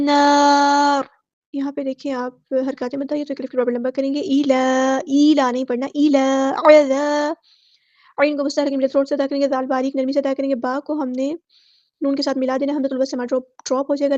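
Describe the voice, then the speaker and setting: With a high-sitting voice and flat delivery, a tajweed teacher with an Urdu accent works through recitation rules word by word. She explains each one quickly, then recites slowly and loudly. The sound is dry and lo-fi.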